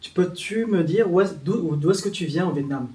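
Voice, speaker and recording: A man hosts an interview, asking questions in a friendly, halting way with many fillers. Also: sits high, expressive, warm tone, echoey room, recorded from a distance. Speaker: interviewer, channel host. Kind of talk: casual interview.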